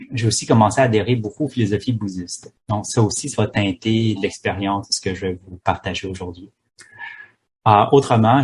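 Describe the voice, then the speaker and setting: A man's voice: fairly low pitch, a little mellow, breathy edge. A man, a pharmacist guest speaking in a hesitant way with many fillers and restarts. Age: 30s. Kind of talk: casual interview talk.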